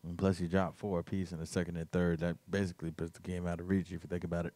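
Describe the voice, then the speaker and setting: Guy cohosting sports radio, low voice, jokey slang, dry studio mic. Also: flat delivery, fast talker, dark tone, no room sound. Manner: joking, teasing, slangy. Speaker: radio co-host. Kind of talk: casual banter.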